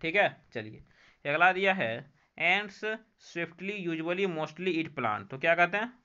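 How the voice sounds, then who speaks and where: A man's voice: on the high side, pushed and bright, smooth, muffled recording. A man with an Indian accent teaching an English textbook lesson, reading each English line and explaining it in Hindi, repeating every answer word. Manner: reads English lines then explains them in Hindi.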